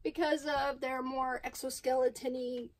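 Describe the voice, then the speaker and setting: A woman's voice: high voice, flat delivery, moderate pace. A woman hosting a casual vlog, chatty and playful, laughing often as she talks. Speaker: host of a tarantula keeper channel.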